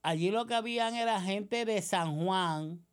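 Her voice is medium-pitched and smooth, her pace measured. She is a political commentator with a Puerto Rican accent, giving a combative monologue that is sarcastic, accusatory and full of rhetorical questions.

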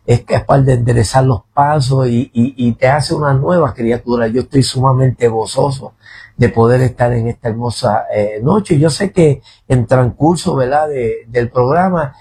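A pastor in his fifties, born in New Jersey and raised in Puerto Rico, gives his testimony as a guest in a radio studio interview. His medium-pitched voice is mellow with a breathy edge and moves at a moderate pace, hesitant, repeating words and adding "¿verdad?" to nearly every phrase.

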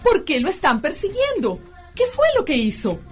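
A woman with a high, very lively voice narrates a children's adventure. She hosts in a scripted storytelling style, her pitch swinging widely over faint music. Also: normal speed. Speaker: narrator and host.

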